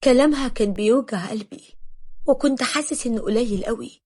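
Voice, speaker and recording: A woman with an Egyptian accent narrating a first-person story from a man's point of view, steady and confiding. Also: a little high, fairly quick, husky.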